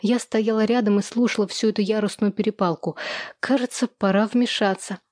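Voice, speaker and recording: Woman narrating in an even voice. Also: medium pitch, brisk, no echo, studio quality. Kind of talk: first-person audiobook narration.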